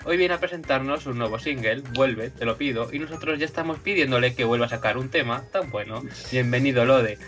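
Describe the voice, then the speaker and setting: A man hosting a podcast interview, asking relaxed, joking questions. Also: mid-range voice, a little fast, hardly any pauses, faint music behind. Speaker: podcast host.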